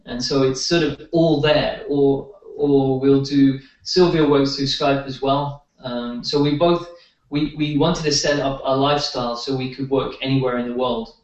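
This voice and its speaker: A man's voice: mid-range voice, steady tone, normal speed. A man who works as a healer, chatting in an interview, telling anecdotes with hesitant restarts, recorded as a distant, echoey, slightly dull sound. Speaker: energy healer guest. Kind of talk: casual interview chat.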